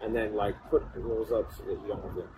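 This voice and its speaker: A man's voice: fairly low pitch, steady tone, fast talker. A man in a casual podcast chat, talking in a rambling, informal way. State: cold, in an ice bath. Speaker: podcast speaker. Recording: clearly noisy background hum.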